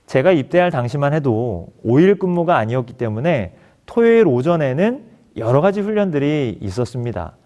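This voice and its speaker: A male pastor preaches from the pulpit in an earnest storytelling manner. His voice sits at an ordinary middle pitch. He shifts into the voices of the people in his story as he acts out their dialogue. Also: sing-song, moderate pace, few pauses, darkish tone, muffled recording. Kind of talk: sermon testimony.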